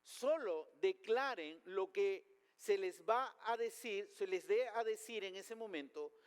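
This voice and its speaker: A man's voice: high voice, lively intonation, slow pace, clean tone, in a large hall. A man preaching a sermon as pastor, emphatic, with rhetorical questions put to the congregation. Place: church hall.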